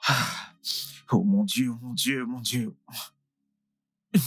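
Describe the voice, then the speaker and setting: A man's voice: mid-range voice, slow pace, fairly bright tone, slightly rough, heavily acted. A man playing an apologetic, affable character in dubbed film dialogue, placating and repeating himself. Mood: flustered, apologetic.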